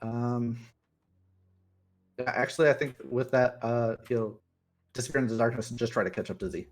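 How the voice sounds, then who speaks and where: A man's voice: mid-range voice, fairly even intonation, moderate pace. A man playing a tabletop game and chatting casually. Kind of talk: casual chat.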